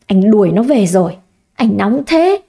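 A woman's voice: medium pitch, sing-song, a little slow, gravelly, mellow, heavily acted. A woman voicing a hot-tempered husband who snaps and scolds. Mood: angry. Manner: curt, scolding.

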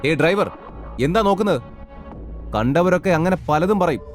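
A man's voice: high-pitched, lively intonation, moderate pace, faint music behind, pitched above the performer's own voice. A man voicing an arrogant young man who scornfully orders others around. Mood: angry, bossy. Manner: commanding, contemptuous orders.

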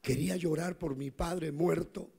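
A middle-aged male pastor preaching a sermon, swinging from fervent shouts to hushed storytelling. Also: a little high, fairly even intonation, unhurried, vocal fry, husky. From South America.

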